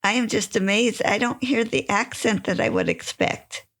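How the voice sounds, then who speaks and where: A woman's voice: medium pitch, huge pitch swings, normal speed, fairly bright tone. A woman hosting a podcast, reading a scripted introduction and then asking interview questions with enthusiasm. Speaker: podcast host.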